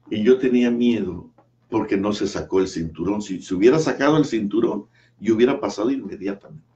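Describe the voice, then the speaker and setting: A male pastor tells a story from the pulpit at a slow, deliberate pace, pausing for effect. His voice is low and mellow. The recording is dull and heard from some distance away. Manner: slow, earnest storytelling with dramatic pauses. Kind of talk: sermon storytelling.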